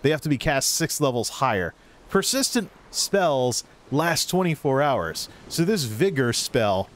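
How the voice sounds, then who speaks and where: A man's voice: medium pitch, sing-song, measured pace, a little hiss or hum. A man giving casual gameplay commentary, rambling and thinking aloud as a video creator.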